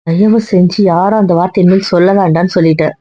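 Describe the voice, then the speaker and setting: A woman's voice: on the low side, steady tone, fast talker, dark tone, no room sound, close to an everyday voice. Woman as a stubborn young wife, earnest pleading, dull lo-fi audio drama. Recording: dull dry lo-fi sound.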